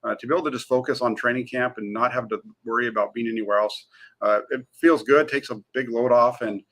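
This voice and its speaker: A man, a sports reporter on a talk show, speaking in an energetic, eager way. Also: mid-range voice, fast. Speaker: team beat reporter.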